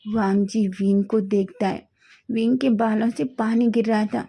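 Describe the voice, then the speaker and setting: A woman's voice: mid-range voice, level tone, measured pace, gravelly, dark tone, breathy edge. A woman reading a romance fan fiction story aloud in plain storytelling style, now and then correcting herself.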